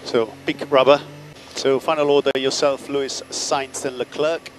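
A male race engineer speaks over race car radio in a clipped, procedural way. His mid-pitched voice sits in clear vehicle noise. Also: flat delivery, normal speed. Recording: noisy team radio, car noise behind.

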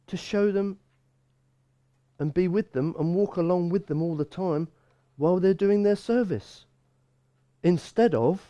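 A bishop and pastor in his sixties gives an expository Bible teaching sermon indoors in a small church room. His voice is high-pitched and warm with no echo, and he is emphatic, given to repeating phrases.

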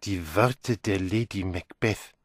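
A man voicing a fussy older male detective who muses slowly and lingers on his words. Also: sits low, dry recording. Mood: brooding. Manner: slow, musing, lingering on words.

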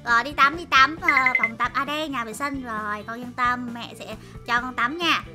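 A young woman doing playful, excitable game commentary as a gaming YouTuber, with squealing exclamations. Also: a little high, moderate pace. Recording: music playing under the voice.

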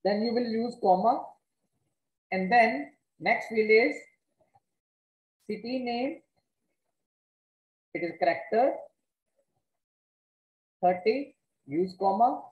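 A woman with a North Indian accent teaching an online class step by step in a halting, repetitive way. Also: on the high side, narrow, tinny audio. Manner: halting, repeats words and questions students. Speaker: computer science teacher. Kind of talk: online lesson, explaining step by step. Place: indoors, online class with screen share. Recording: echoey room.

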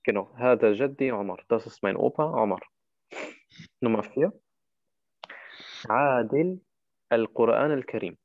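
A man's voice: mid-range voice, brisk, vocal fry, pauses often, dry recording, phone-quality sound. A man teaching Arabic in a one-to-one online lesson, patiently walking his student through each answer.

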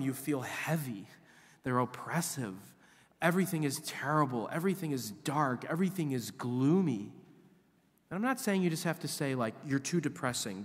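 Emphatic priest preaching in a reverberant church. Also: male voice, mid-range voice. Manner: animated, emphatic preaching with hand gestures. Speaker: visiting priest. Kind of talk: sermon. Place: church sanctuary at a lectern. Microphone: lectern microphone.

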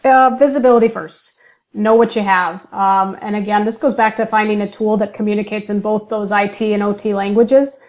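Podcast guest, woman, mid pitch, measured explainer with ums. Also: fairly even intonation, a little mellow, lo-fi sound. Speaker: guest, industrial cybersecurity manager. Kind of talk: podcast interview.

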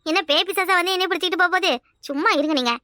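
A woman's voice: extremely high pitch, racing, pushed and bright, dry recording, clean studio sound. A woman voicing a cheeky, earnest young village girl in a cartoon, with a Kanyakumari Tamil accent. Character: young unmarried village girl, spirited and fond.

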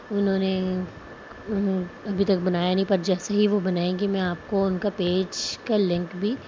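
A woman's voice: medium pitch, dark tone. A young woman, chatting casually through a vlog, with many fillers and asides. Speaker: vlogger. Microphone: phone. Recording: muffled phone audio with background noise.

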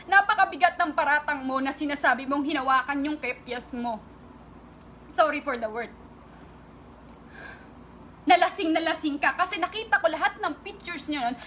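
A woman's voice: high-pitched, pushed and bright, a little hiss or hum. A woman vlogger with a Filipino accent, angrily and tearfully speaking straight to her critics in an emotional online rant.

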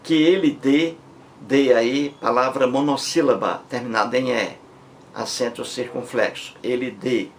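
A man teaching grammar at a deliberate, unhurried pace, going back over each form again and again. His voice sits at an ordinary middle pitch. A faint hiss of noise lies under the recording. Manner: slow, repetitive, spelling out forms step by step. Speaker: Portuguese language teacher. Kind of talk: grammar lesson explaining a test question.

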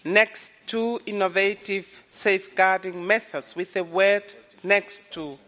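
Chairing a formal committee meeting, a woman calls each item for adoption and invites objections in a slow, procedural manner. Her medium-pitched voice is a bit bright with fairly even intonation, echoing with the long reverb of a large conference hall.

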